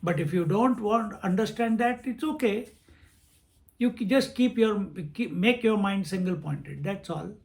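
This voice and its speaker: A man's voice: sits high, a little slow, vocal fry, a little mellow. A man giving a spiritual discourse on scripture, repeating phrases and chanting verses. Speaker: swami teaching scripture.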